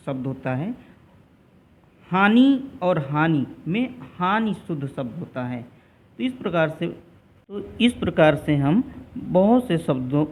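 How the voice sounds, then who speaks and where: Slow, deliberate male Hindi teacher. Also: on the high side, fairly bright tone. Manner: slow, deliberate, repeats words for emphasis. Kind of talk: classroom lesson on Hindi spelling.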